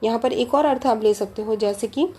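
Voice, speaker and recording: Mellow-voiced woman giving a lecture. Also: a little high, brisk, slight background noise. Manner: explanatory, repeats key terms and asks rhetorical questions. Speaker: teacher. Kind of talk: lecture on Hindi phonology.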